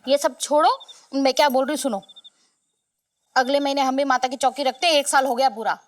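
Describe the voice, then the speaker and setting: A woman's voice: high-pitched, steady tone, brisk, lightly acted. An actress in a sitcom playing a devout wife who protests at her husband's teasing. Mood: indignant. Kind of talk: sitcom acting.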